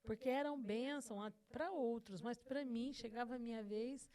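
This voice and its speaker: A middle-aged woman with a somewhat high, warm voice, speaking at normal speed, hosts her own talk show and shares a deeply personal, emotional testimony in conversation. Earnest and heartfelt, she returns to the same phrases for emphasis and sometimes acts out what she once said to God.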